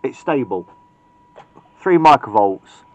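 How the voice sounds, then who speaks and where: Recorded on a camera's built-in microphone, a British hobbyist walks through a hands-on radio repair tutorial at a cluttered electronics workbench indoors. He is informal, opinionated and blunt, speaking slowly in a medium-pitched, slightly mellow voice with lively intonation.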